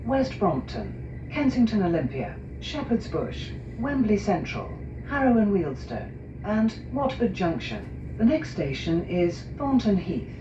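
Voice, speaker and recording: A woman's recorded voice reading out station calls as an automated train announcer, with the words and station names spliced together. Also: mid-range voice. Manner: measured, even announcement delivery. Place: inside a moving train carriage. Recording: dull, echoey train loudspeaker from a distance. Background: train noise.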